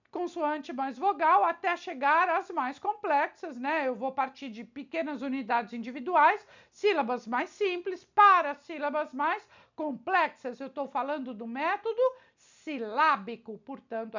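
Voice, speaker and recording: Very high-voiced, lively woman teaching. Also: dull audio. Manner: talks straight to the viewer, with many rhetorical questions and check-ins. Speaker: teacher preparing students for civil service exams. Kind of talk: exam-prep lesson.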